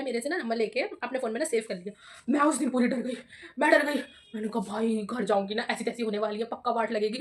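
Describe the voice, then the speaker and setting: A young woman vlogger tells a story from her own life in a high, bright voice and at a quick clip. She is chatty and animated, and she keeps addressing her viewers casually as she talks.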